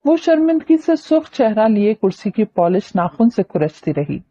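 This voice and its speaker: Female audiobook narrator, expressive storytelling, lively pitch, lo-fi recording. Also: moderate pace, dry recording. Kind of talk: novel narration.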